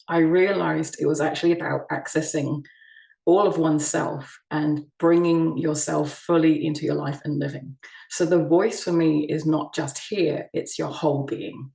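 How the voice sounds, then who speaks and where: Woman sound healer presenting at an online summit, soft and hesitant, heard from a distance in an echoey room. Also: sits low, gravelly. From United Kingdom. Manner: soft-spoken, gentle, frequent ums and restarts. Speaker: sound healing practitioner.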